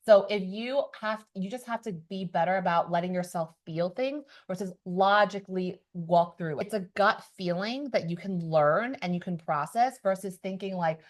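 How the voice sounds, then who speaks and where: A woman's voice: fairly low pitch, normal speed, few pauses. A woman hosting a podcast in casual chat, talking emphatically and acting out the people she quotes. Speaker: podcast host.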